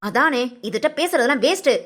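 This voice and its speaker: A woman's voice: high-pitched, animated, a bit bright. A woman voicing an outspoken, righteous village woman in a cartoon drama, scolding her neighbours. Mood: scornful. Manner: scolding, rapid-fire.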